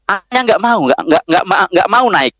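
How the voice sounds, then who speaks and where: Guy preaching, really high forceful voice, asks the crowd stuff, dry sound. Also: lively intonation, moderate pace, dry recording, rough recording. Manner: keeps asking the audience rhetorical questions. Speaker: preacher addressing Islamic boarding school students. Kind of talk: sermon.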